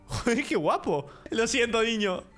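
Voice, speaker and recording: Lively high-voiced gaming commentator. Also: male voice, measured pace, soft background music. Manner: playful, theatrical, talks to game characters. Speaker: gaming YouTuber. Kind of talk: gameplay commentary.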